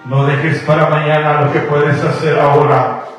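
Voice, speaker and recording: A Guatemalan man preaches a radio sermon with a fervent, sing-song cadence, his fairly high voice showing little pitch movement at a normal speed. The broadcast sounds echoey and distant, with faint music underneath.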